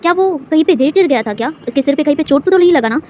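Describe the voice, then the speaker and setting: A woman reading a brash young man who snaps and scolds. He is impatient and gruff in a storybook tale, and he talks fast. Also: high-pitched, lively intonation, a little mellow, slight background noise. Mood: puzzled, scolding.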